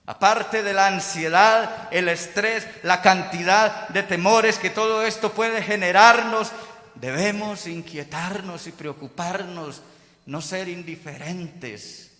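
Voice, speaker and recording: Male pastor, slow bright delivery in a reverberant hall; booming calls alternating with hushed asides. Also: fairly even intonation. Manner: swings between loud, drawn-out calls and quiet asides. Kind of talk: sermon. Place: church service. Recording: echoey church hall.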